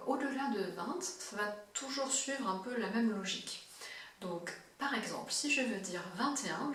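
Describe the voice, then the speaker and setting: A French-speaking woman teaching German, who explains patiently and repeats each word slowly for practice. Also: fairly high pitch, very echoey, recorded from a distance. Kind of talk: language lesson, slow clear explanation.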